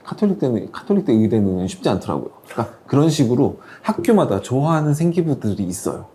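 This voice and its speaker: A man's voice: mid-range voice, very animated, fast talker, mellow, a little hiss or hum. A man speaking as an expert guest, explaining conversationally with examples and emphasis. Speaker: admissions consultant guest.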